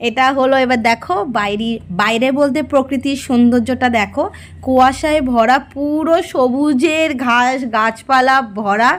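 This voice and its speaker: High-voiced woman musing in a vlog. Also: moderate pace. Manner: relaxed, musing commentary. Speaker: vlogger. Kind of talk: casual vlog narration.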